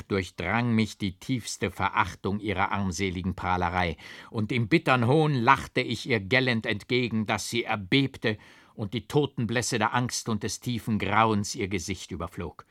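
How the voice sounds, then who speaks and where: A man's voice: on the low side, unhurried, a bit bright, no echo, clean studio sound. A man narrating an audiobook of a classic novel with an emphatic, rhythmic, dramatic delivery.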